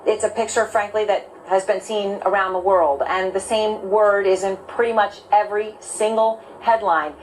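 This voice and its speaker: A woman news anchor introducing an interview guest, measured and earnest. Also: medium pitch, fairly even intonation, a little hiss or hum, low-quality recording. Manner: measured, earnest broadcast delivery.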